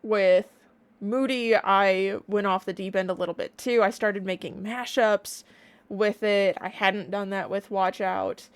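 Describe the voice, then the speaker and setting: Casting: woman, online reaction streamer, casual excited chat, playful and enthusiastic delivery, mid-range pitch. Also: unhurried, clean tone. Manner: bubbly, playful, gushing enthusiasm.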